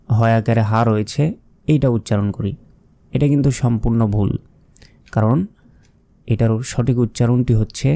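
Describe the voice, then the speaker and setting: Male Quran teacher with a Bangladeshi Bengali accent, warm and clear, drills each letter patiently. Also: fairly low pitch. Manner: patient, repeats each letter sound slowly. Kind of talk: step-by-step recitation lesson.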